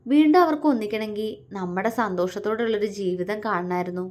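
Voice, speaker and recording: Woman voicing a soft-spoken tender young husband. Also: fast, natural voice. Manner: soft, affectionate, low-key. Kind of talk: storytelling dialogue.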